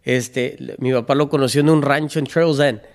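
A man's voice: mid-range voice, fairly even intonation, normal speed, vocal fry. A man from Chicago, a podcast guest telling long family stories in a rambling, profane way and acting out the quoted voices. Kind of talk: casual storytelling chat.

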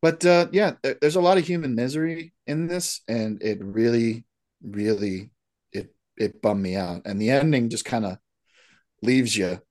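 A man's voice: mid-range voice, moderate pace, darkish tone. A man co-hosting a casual movie podcast, talking with enthusiasm and frequent restarts. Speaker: podcast co-host. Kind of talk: casual movie recap chat.

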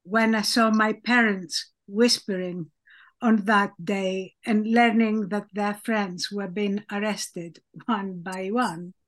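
A woman's voice: medium pitch, fairly even intonation. A woman, a diplomatic historian speaking earnestly in an interview about her formative experiences. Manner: slow, measured and earnest. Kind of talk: personal interview answer.

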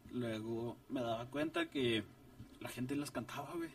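A man's voice: medium pitch, unhurried, gravelly. A young man from Ciudad Juárez, a ska musician telling a story in casual, slangy chat and acting out the voices of the people in it. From Ciudad Juárez, Mexico. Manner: slangy, animated retelling with voiced quotes. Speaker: ska band musician, guest. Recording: distant mic with faint noise.

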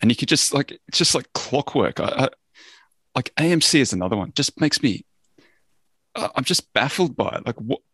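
A man's voice: medium pitch, animated, moderate pace, a bit bright, breathy edge, no room sound. A man co-hosting a finance podcast, talking bluntly and rambling with restarts. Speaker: podcast co-host. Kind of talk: casual finance podcast chat.

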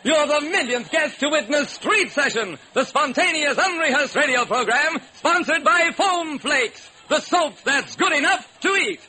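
An actor playing a brash, booming radio show announcer in a 1940s radio drama. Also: male voice, lively intonation, a little slow, few pauses, sharp tone, a little hiss or hum, exaggerated voice, rough recording. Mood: exuberant. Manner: brash, booming salesman patter.

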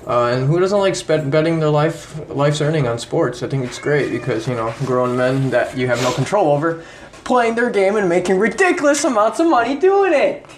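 A man's voice: a little high, expressive, moderate pace, slight background noise. A young man co-hosting a casual podcast, joking, swearing and rambling. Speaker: podcast co-host.

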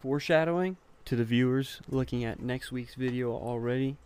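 A man's voice: medium pitch, normal speed, a little mellow, clean tone. A man co-hosting a casual podcast in a studio, laid-back and teasing. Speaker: podcast co-host.

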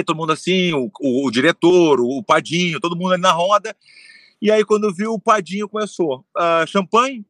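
Guy spinning a story, bright voice, dry close sound. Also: fairly high pitch, no echo. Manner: animated, swearing, acts out quotes. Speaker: storyteller guest. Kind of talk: casual storytelling chat.

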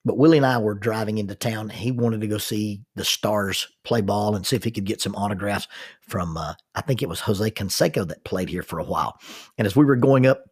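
Preacher guy spinning a folksy tale, kinda raspy, lots of restarts. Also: fairly low pitch. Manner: folksy, unhurried anecdote with many restarts. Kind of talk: sermon storytelling.

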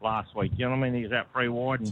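A man's voice: mid-range voice, fairly even intonation, racing. A man with an Australian accent chatting casually in an interview as a horse trainer, rambling and laconic, often repeating himself. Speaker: harness racing horse trainer being interviewed. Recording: tinny phone line with clear noise.

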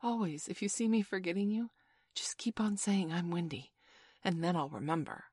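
A woman reading aloud, voicing a forgetful boy leader in a hushed whisper. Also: on the low side, moderate pace, husky, no room sound, studio quality.

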